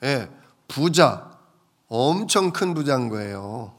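A man preaching a sermon as a pastor, retelling a parable with lively storytelling and questions to the congregation. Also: medium pitch, slow pace.

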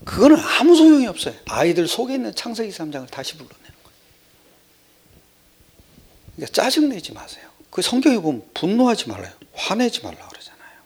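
An older man preaching a sermon in a conversational, rambling way, jumping from loud exclamations to hushed whispered asides. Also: high-pitched, sing-song, fairly quick, pauses often, husky.

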